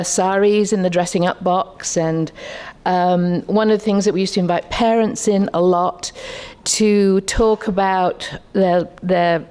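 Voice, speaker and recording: A woman's voice: mid-range voice, a little mellow. Woman giving a reflective keynote. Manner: conversational and reflective, with rhetorical questions. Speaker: conference discussant. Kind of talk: keynote talk with personal anecdotes.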